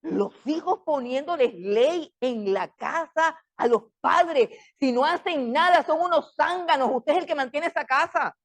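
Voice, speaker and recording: A woman's voice: high voice, lively intonation, measured pace, few pauses. A middle-aged woman teaching a Bible class in a fiery preaching style. She scolds with emphatic repetitions and keeps firing off rhetorical questions.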